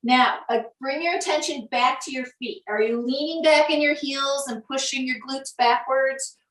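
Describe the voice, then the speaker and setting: A woman yoga instructor talks students through poses with calm, step-by-step cues. Her voice sits a little high and carries some distance from the mic. The room around her is echoey. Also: moderate pace.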